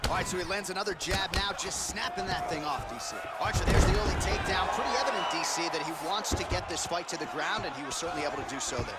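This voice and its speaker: A man's voice: fairly high pitch, quick pace, hardly any pauses, heavy background noise. A man giving play-by-play sports commentary on a fight.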